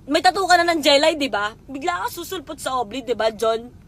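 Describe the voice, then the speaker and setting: A woman's voice: high voice, lively intonation, brisk, a bit bright. A young woman pouring out a raw, emotional live confession, swearing often and sometimes close to tears.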